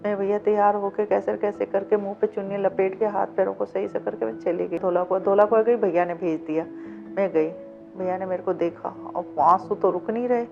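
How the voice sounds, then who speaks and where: A woman's voice: medium pitch, steady tone, a little fast, vocal fry. A middle-aged woman telling her own life story in an interview, acting out the past conversations as she goes. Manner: vivid retelling that acts out past dialogue. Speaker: interview guest, cab driver. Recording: dull lo-fi sound with faint background music.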